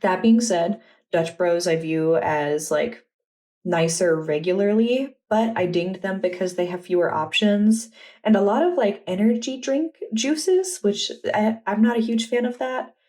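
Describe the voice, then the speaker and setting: A young adult woman vlogger chatting in a relaxed, enthusiastic way as she walks through her journal. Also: fairly low pitch. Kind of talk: casual vlog narration.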